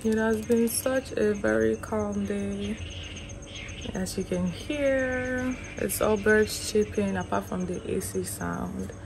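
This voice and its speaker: A woman's voice: mid-range voice, slow, gravelly. A young Nigerian woman vlogging with a Nigerian accent, chatting playfully and slipping into Pidgin while filming herself on a phone. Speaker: travel and lifestyle vlogger. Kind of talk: casual vlog chat. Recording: crowd chatter and street noise.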